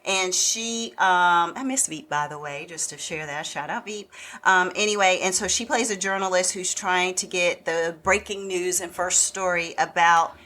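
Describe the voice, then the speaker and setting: A woman's voice: lowish voice, moderate pace, sharp tone. A woman co-hosting an entertainment podcast, chatting casually and chattily with many fillers and asides. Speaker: podcast co-host.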